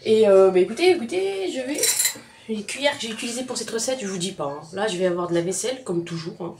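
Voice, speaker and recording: Quick and animated, a mid-range female voice with a Southern French accent chats over a noisy background. She's a home cook giving a casual tutorial in her kitchen, speaking directly to viewers as she demonstrates a recipe and frequently repeating herself.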